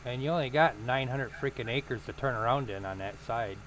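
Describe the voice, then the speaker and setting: A man's voice: mid-range voice, brisk, fairly bright tone, slight background noise, rough recording. A man streaming a farming game, chatting casually with friends, swearing often and teasing them. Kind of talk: casual gaming chat.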